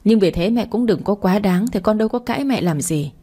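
A woman's voice: mid-range voice, animated, a little fast, dark tone, slightly rough. A woman voicing an angry young husband who snaps back at his mother in defense of his wife. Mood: exasperated.

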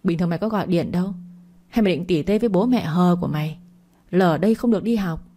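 A woman voicing a stern, suspicious stepfather who scolds a child in quick, snapping lines. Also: lowish voice, mellow, close to an everyday voice. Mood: menacing.

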